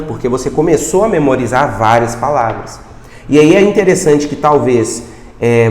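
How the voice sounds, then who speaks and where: Brazilian man teaching in an echoey room. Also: a little high. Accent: Brazilian Portuguese. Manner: lively, talks straight to the viewer with quick rhetorical questions. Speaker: language teacher. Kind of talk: informal video lesson. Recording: echoey room with long reverb.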